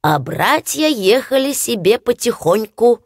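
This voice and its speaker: Expressive female audiobook narrator with a fairly high voice, unhurried reading. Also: dry recording, clean studio sound. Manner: expressive, storytelling. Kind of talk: scripted fairy-tale narration.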